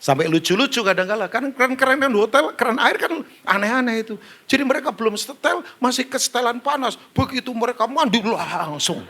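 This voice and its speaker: An extremely high-pitched male voice, brisk and barely pausing, belongs to a middle-aged pastor with an Indonesian accent. Preaching an animated storytelling sermon, he cracks jokes, acts out conversations, and speaks directly to the band and congregation.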